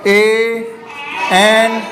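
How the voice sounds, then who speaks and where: A man's voice: sits high, completely flat delivery, extremely slow. A male primary school teacher giving a classroom lesson, spelling words out letter by letter and repeating them patiently. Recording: noisy classroom with chattering kids. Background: children in the class.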